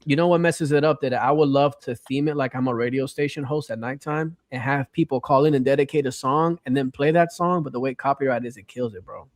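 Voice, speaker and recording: A man's voice: mid-range voice, fairly quick, few pauses, dry recording, clean studio sound. Laid-back man hosting a livestream. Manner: relaxed, rambling, says "bro" and "man" often. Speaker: livestream host. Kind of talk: casual livestream chat.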